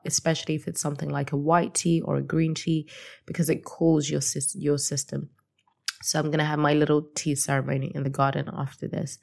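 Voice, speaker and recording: Hosting a laid-back podcast on her own, a coach poses reflective questions to the listener. She speaks in a deep, slightly raspy voice with a somewhat mellow quality.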